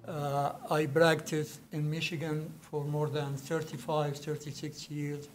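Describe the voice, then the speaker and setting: Slow, hesitant older man. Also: a little high, little pitch movement, a little hiss or hum. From Syria. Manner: hesitant, searching for words. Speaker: commission nominee. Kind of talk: self-introduction at a public meeting. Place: public meeting room.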